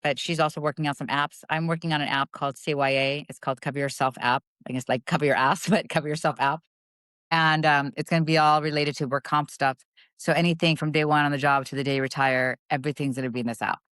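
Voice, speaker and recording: Smooth-voiced woman telling her story. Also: low voice, fast, no room sound. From Southern California. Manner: animated storytelling, acts out voices. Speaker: retired police officer, guest. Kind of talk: emotional conversational interview.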